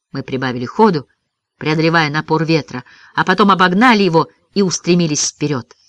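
A man narrating a first-person story as an audiobook reader, expressive and vivid. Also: on the high side, dry recording.

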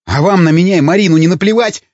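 A man's voice: on the high side, sing-song, normal speed, husky, no echo, pitched above the performer's own voice. A man voicing a bitter young rebel. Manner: impassioned, accusing. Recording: dull lo-fi recording.

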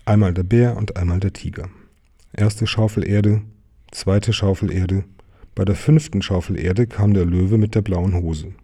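A man calmly reading a children's picture book aloud. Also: low-pitched, measured pace, breathy edge. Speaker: storyteller.

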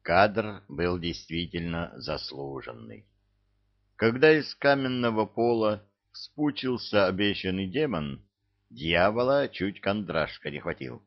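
A man reads an audiobook in a deep voice, with steady, unhurried storytelling. The recording is a little dull and muffled. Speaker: audiobook narrator. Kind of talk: scripted narration.

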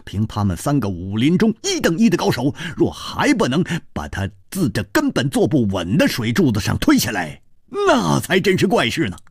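A man narrating a martial-arts novel in an animated storytelling manner. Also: mid-range voice, moderate pace, slightly rough, no echo, studio quality. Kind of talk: audiobook storytelling.

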